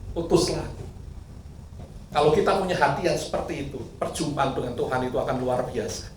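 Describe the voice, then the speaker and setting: Animated preacher in an echoing church hall. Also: male voice, high voice, slight background noise. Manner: lively, swings from loud bursts to quiet asides, sings briefly. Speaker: pastor. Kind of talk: sermon. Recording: echoey hall, mic at a distance.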